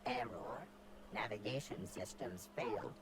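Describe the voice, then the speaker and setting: A woman voicing a damaged video game robot whose navigation has failed, giving flat, repeated status reports in a calm ship-computer monotone. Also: very deep voice, unhurried, a loud crowd. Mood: malfunctioning. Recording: game audio under loud noise.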